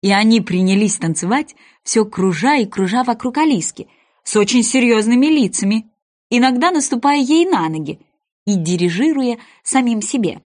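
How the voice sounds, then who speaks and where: A woman narrating a children's storybook aloud in a gentle, expressive manner. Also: on the high side, moderate pace. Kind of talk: storybook reading.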